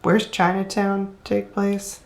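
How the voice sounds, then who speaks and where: A woman co-hosts a podcast, chatting casually about old films and laughing easily. Her middle-pitched voice often drops into a gravelly fry. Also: completely flat delivery, slow pace. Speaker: podcast co-host. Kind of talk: casual film discussion.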